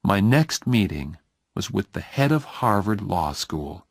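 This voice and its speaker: A man narrating an audiobook story in a slow, steady, deliberate reading. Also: on the low side, creaky, breathy edge, no echo, studio quality.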